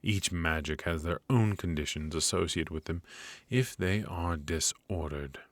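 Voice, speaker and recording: In an ASMR roleplay, a male voice actor plays a cold, exacting royal professor of magic who lectures his pupil in a measured, stern manner. His very low, deep voice is recorded close to the mic in a dry, dead room without echo.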